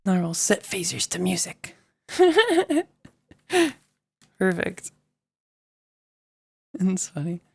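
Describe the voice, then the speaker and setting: A woman chats unhurriedly with her live-stream viewers while she composes music in VR. Her voice has a noticeable gravelly fry. She laughs easily and mutters to herself whenever the tech acts up. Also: on the low side, flat delivery, drawn-out words, long pauses. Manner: chatty, laughs often, mutters to herself over technical glitches. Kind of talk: casual live-stream chat.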